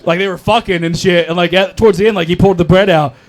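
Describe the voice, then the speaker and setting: A man doing stand-up at an open mic comedy show speaks fast in a high voice with fairly even intonation. His stories are crude, full of profanity, and poke fun at himself.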